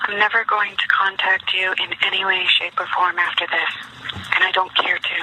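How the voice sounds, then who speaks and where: A woman leaves a rambling, repetitive personal voicemail, sounding aggrieved and accusatory. Her mid-range voice is flat and fairly quick. The message is a noisy lo-fi recording played back over speakers.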